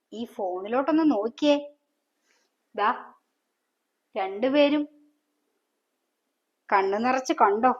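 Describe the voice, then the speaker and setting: A woman's voice: a little high, a bit bright. Woman playing an accusing young daughter. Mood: defiant. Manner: accusing, reproachful questioning. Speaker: actor. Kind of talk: family drama acting. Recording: dull lo-fi sound.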